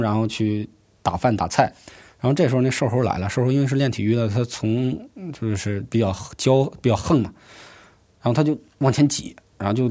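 A man telling a first-person story in an unhurried, conversational way, often restarting his sentences. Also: mid-range voice, darkish tone. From rural Hebei, China.

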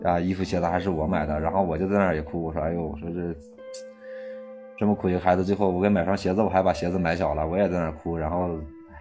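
A man in his thirties with a low voice tells a personal story in plain, casual speech. He halts and restarts often, and his voice heats up when anger takes over. Faint music plays beneath him. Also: steady tone. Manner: halting, many restarts and fillers, rising heat when angry. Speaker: volunteer aid worker telling his story.

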